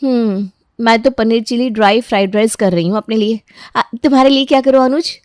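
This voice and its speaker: Woman doing a loud bossy young daughter-in-law. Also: a little high, a little fast, dry recording, studio quality, voice pushed up, lightly acted.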